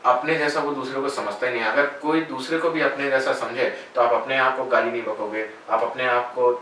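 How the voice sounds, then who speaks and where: Man, spiritual guide, interview answers, calm measured tone, far from mic, very echoey room. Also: mid-range voice, a little hiss or hum. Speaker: spiritual guide and meditation teacher.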